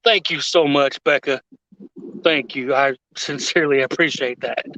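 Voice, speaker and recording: An older man hosting a casual fishing livestream from the river, relaxed and quick to laugh. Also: mid-range voice, no echo. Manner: laid-back, laughs often. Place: outdoors by a river, on a boat. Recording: muffled lo-fi stream audio.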